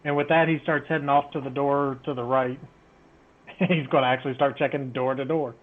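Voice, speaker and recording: A man's voice: medium pitch, fairly even intonation, fairly quick. A man playing a tabletop roleplaying game, talking casually for his character. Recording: tinny phone-like voice link.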